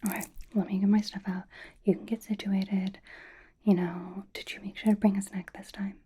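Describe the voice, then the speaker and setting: A woman's voice: mid-range voice, flat delivery, moderate pace, mellow, breathy edge. A woman whispering a roleplay monologue to the listener in a library, teasing and blunt.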